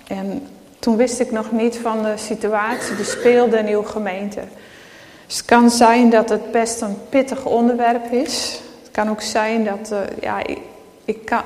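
Woman preacher in an echoey church. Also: medium pitch. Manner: calm, earnest, reads scripture aloud. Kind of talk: sermon with Bible reading.

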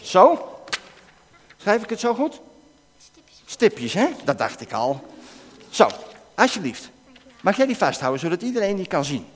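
Lively high-voiced man preaching to kids. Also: a little slow, pauses often, husky. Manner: animated, coaxing questions to children, bursts into shouting. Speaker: preacher leading a children's talk. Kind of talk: interactive object lesson with children. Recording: long hall reverb.

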